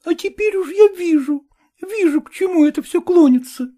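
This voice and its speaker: A jealous, tearful woman from a storybook reading, voiced by a man in a raised falsetto. Her voice sits far above a male reader's normal range and rises and falls sharply. Her tone stays dark and soft-edged while she keeps demanding answers. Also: lively intonation, moderate pace. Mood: reproachful. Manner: shrill, pressing, reproachful questioning. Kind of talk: audiobook character reading.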